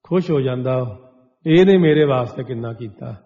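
A man preaching to a congregation, slowly chanting scripture lines and then explaining them in plain talk. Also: medium pitch, mellow. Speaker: Sikh preacher. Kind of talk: scripture exposition sermon. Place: large hall before a congregation. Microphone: stage microphone. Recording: dull sound with long hall reverb.

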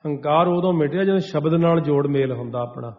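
A man preaching to a congregation, slowly chanting scripture lines and then explaining them in plain talk. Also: a little high. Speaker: Sikh preacher. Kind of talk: scripture exposition sermon. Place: large hall before a congregation. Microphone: stage microphone. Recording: dull sound with long hall reverb.

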